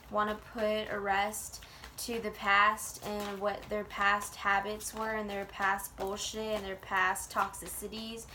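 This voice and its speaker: A woman with a mid-range voice reads tarot informally and chattily, using blunt, colloquial phrasing and swearing often. There is background noise.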